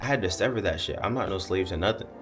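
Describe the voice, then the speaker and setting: A man's voice: low voice, animated, fast talker, a bit bright, faint music behind. A young man vlogging in a candid, profane ramble to camera, often smiling and half-laughing as he talks. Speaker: content creator. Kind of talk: casual candid monologue to camera.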